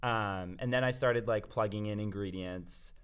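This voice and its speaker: A man's voice: on the low side, moderate pace, smooth. A man being interviewed as a guest writer on a podcast, talking casually and rambling with many fillers. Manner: rambling, lots of fillers like "like" and "um", laughs easily.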